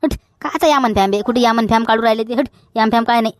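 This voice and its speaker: A man's voice: very high voice, fast talker, no echo, clean studio sound. A man playing a chatty, teasing village neighbour in a comedy skit, with a Vidarbha Marathi accent.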